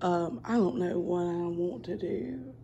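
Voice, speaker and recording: A woman's voice: fairly low pitch, a little slow, dark tone, muffled recording, slight background noise. Chatty young woman rambling to her phone. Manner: rambling, chatty, with many ums and restarts. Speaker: kindergarten teacher and vlogger. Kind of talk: casual vlog chat.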